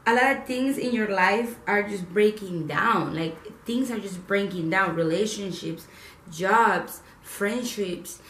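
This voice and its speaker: A woman's voice: medium pitch, slow, reverberant, poor audio. A young woman talks straight to camera in a loose, chatty way, peppering her talk with "like" and swearing. Her voice rings around a reflective room, with a faint hum of ambience behind her. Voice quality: animated, swears freely, lots of "like". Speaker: vlogger. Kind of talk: casual spiritual vlog talk.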